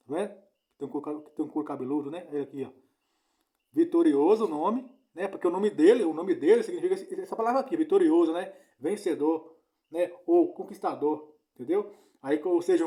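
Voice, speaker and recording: Male preacher, informal teaching, slightly high, warm tone, repetitive, checks in often. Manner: repetitive, keeps asking "né?" and "entendeu?".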